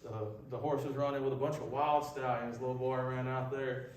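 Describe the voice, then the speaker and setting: Male youth speaker, folksy and halting, telling things informally; very reverberant room, distant mic. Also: mid-range voice, level tone. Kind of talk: informal youth talk, storytelling. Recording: echoey room, far mic, faint noise.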